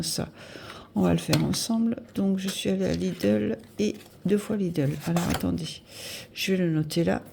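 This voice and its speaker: Woman, 50s, casual home vlogger, nasal and gravelly, chatty with lots of fillers. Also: on the low side, warm tone. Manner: chatty, hesitant, many fillers, thinking aloud while adding sums. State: nasal from air conditioning. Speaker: budget vlogger. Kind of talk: casual budget review to camera.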